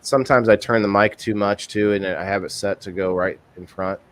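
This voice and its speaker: A man's voice: lowish voice, steady tone, brisk, slight background noise. A man hosting a casual livestream podcast, explaining things in a rambling way and often correcting himself. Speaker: podcast host.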